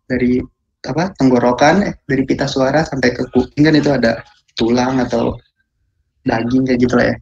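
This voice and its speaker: A young man giving a relaxed student presentation, filling pauses with "ya" and hesitations. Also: medium pitch, lo-fi sound. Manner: relaxed, many fillers and tag "ya". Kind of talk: casual online presentation.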